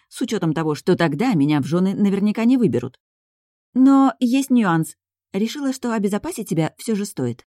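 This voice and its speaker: A woman narrating a first-person fantasy audiobook in a wry, lively storytelling manner. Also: deep voice, dry recording, clean studio sound.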